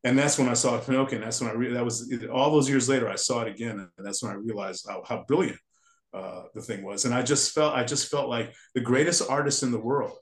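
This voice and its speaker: Older interview guest from the United States, mid-pitched voice, meandering storyteller, roomy reverberant recording. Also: male voice, steady tone, quick pace. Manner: rambling, restarts sentences often. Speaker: guest, character designer. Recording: echoey room.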